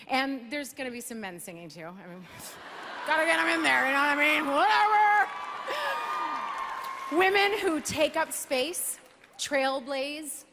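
A woman with a voice that sits high hosts an awards show in a big live arena, giving a playful, self-mocking comic monologue that bursts into song at times. There's slight background noise, and the live arena audio captures a loud crowd clapping and cheering.

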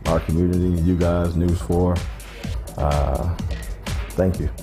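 A man in his thirties, a high school football coach, talking humbly and emotionally in an interview in a school locker room. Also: level tone, slow, over music. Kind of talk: casual interview.

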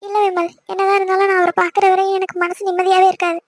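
A woman voices a frightened young woman in a homemade cartoon, soft and pleading. Her voice sits very high and moves quickly. The sound is dry and close. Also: fairly even intonation, no echo. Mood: fearful. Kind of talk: amateur cartoon dubbing.

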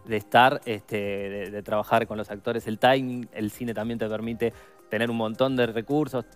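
A man's voice: on the low side, fairly even intonation, normal speed, clean tone, soft background music. A man with a Uruguayan accent, a film writer and director chatting casually as an interview guest, easygoing and full of fillers. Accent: Uruguayan Spanish. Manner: easygoing, uses many fillers like "este".

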